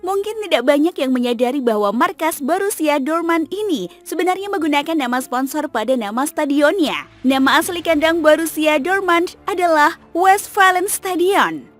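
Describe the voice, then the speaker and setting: A woman narrating a scripted football explainer in a steady, informative read-aloud delivery. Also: high voice, normal speed, few pauses, soft background music.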